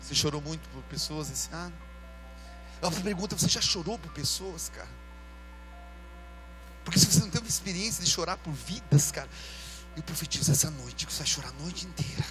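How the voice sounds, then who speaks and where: A man preaching a sermon as pastor, in a casual, slangy way, calling out to his church and shouting when he acts out people. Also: fairly high pitch, expressive, fairly quick, long pauses, music in the background, poor audio. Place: church service with music behind.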